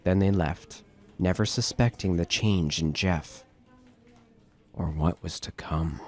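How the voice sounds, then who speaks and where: A deep-voiced man narrates a scripted horror story slowly for an audio drama, with a music bed playing under his narration.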